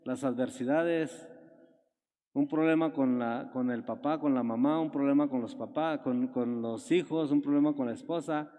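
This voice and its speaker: A man's voice: normal speed, dark tone. Man preaching in a reverberant hall. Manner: storytelling, acting out Bible scenes with raised pitch. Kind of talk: sermon. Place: church.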